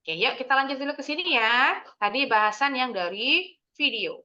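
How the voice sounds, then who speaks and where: A young woman with an Indonesian accent teaches children English over a dull, lo-fi video call. Her voice sits fairly high and sounds bright and forceful. She explains in a lively, sing-song way, often asking the class quick questions. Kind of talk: online kids' English lesson.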